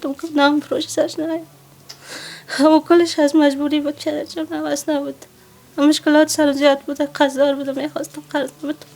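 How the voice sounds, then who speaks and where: A woman whose voice is high and gravelly, held on a flat, narrow tone. She speaks as a widowed mother of four, telling of her family's hardships in a strained, plaintive way.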